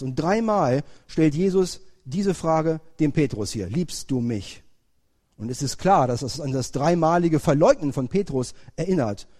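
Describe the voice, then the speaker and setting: A man delivers a sermon in a church. His voice sits fairly high but sounds mellow and warm. A long reverb from the church hall trails after every phrase. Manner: reads scripture slowly, then preaches with rising emphasis. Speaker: preacher.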